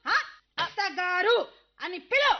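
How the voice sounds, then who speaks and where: A woman's voice: extremely high pitch, expressive, slow, exaggerated voice. A woman voicing a fierce old mother-in-law who scolds and threatens in a radio play. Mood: scolding. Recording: dull lo-fi recording.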